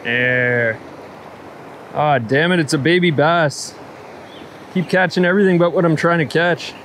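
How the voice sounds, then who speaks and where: A man, chatting excitedly to viewers while fishing on a riverbank, recorded on a head-mounted action camera. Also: on the high side, unhurried, a little hiss or hum. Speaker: fishing vlogger. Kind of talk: casual fishing vlog commentary. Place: outdoors on a riverbank and lakeshore.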